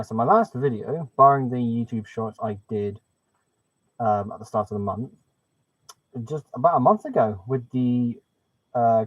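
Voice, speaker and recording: A man's voice: mid-range voice, a bit bright, no room sound. Man, muffled like through a pipe. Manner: chatty, thinks aloud while fiddling with settings. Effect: muffled, hollow sound like talking through a pipe. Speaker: live streamer. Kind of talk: casual live-stream chat. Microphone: webcam microphone. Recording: dull, dry webcam mic sound.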